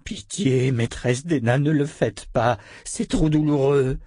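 A man's voice: medium pitch, takes it slowly, mellow, dry recording, clean studio sound, pitched above the performer's own voice. A man reading the lines of a young male captive who begs and sobs, in a raised voice. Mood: begging.

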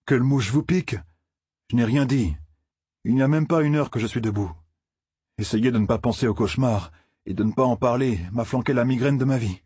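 Audiobook role: male reader doing a young apprentice smith, earnest, husky, close and dry. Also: medium pitch, fairly quick, mellow, dry recording, voice pushed up. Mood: perplexed. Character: young apprentice blacksmith, steady and bewildered.

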